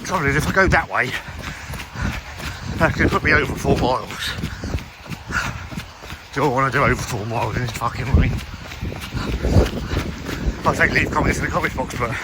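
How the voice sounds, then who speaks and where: A man's voice: medium pitch, normal speed, long pauses. Sweary man chatting while running. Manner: talking while out running, in broken phrases; sweary, self-deprecating. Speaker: running vlogger. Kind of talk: casual rambling vlog chat. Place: outdoors along roads in the rain. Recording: very loud outdoor wind and rain noise.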